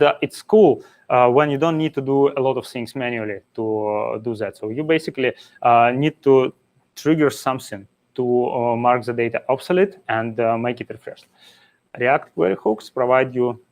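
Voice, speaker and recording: Man giving a technical meetup talk. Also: medium pitch. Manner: explains step by step with frequent "uh" fillers. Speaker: conference speaker. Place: meetup venue.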